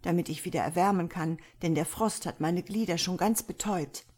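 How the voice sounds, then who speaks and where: A woman's voice: fairly low pitch, fairly quick, a little mellow, breathy edge. A woman voicing a freezing young male scholar who begs desperately to be let in, for a storybook reading. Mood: pleading. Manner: pleading, desperate.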